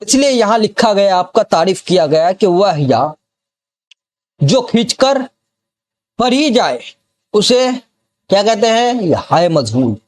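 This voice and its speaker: A man's voice: sits high, sing-song, takes it slowly, pauses often, darkish tone. A man with a Bihar accent teaching a grammar lesson, who repeats example words one at a time and keeps asking if the student has understood.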